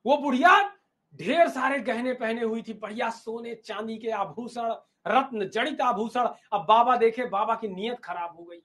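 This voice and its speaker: Male teacher with a notably high voice. Lively storyteller who repeats lines for emphasis. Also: a little slow. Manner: animated storytelling, repeats phrases. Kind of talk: storytelling to students in a lesson.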